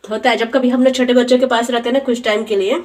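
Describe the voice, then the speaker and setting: A woman's voice: a little high, fairly even intonation, fast. A young woman chatting in a casual home vlog, telling stories with giggly asides while doing chores, a little unwell. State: feeling unwell. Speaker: vlogger. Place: home, moving between rooms and rooftop.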